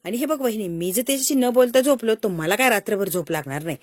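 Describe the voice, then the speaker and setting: A woman plays a hot-headed young husband in a spoken retelling of a TV episode. He pleads, then scolds, and repeats his words. The voice is husky and dry. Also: medium pitch, expressive, quick pace, no room sound. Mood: pleading.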